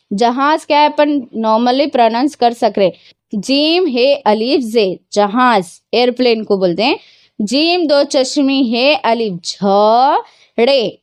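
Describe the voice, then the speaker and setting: Woman teacher, slightly high voice, patient question-and-answer grammar lesson, dry close sound. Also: dry recording. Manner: patient, asks questions and answers them herself; mixes English words into explanations. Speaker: Urdu teacher.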